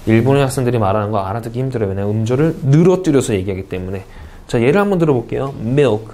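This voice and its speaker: A man's voice: medium pitch, expressive, rapid-fire, mellow. A man from South Korea teaching an English speaking test course in an online lecture, often putting questions to his students and answering them himself.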